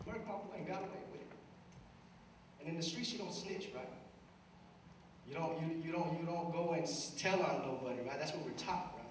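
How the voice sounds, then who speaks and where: A man in his thirties, originally from Cambodia, tells a personal story to young people. He speaks earnestly, often asks "right?", and builds to loud, urgent appeals. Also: on the high side, a little fast, long pauses. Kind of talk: personal story and motivational talk. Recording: echoey hall, distant mic, background noise.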